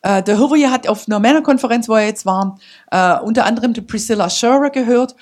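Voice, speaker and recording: A woman preaching a sermon to her church, passionate and building up to loud exhortation. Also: on the high side, quick pace. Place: church service.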